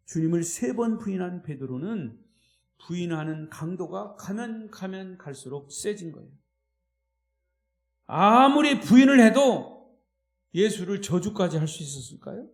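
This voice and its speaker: This sermon comes from a high-voiced pastor speaking with a Chungcheong Korean accent during an evening church service. His delivery is forceful, moving from loud to soft as he appeals to the congregation.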